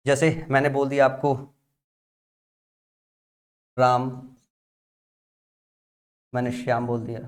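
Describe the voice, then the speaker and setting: A man's voice: medium pitch, flat delivery, takes it slowly, pauses often. A man teaching English grammar in a classroom-style lesson, repeating key points and asking and answering his own questions.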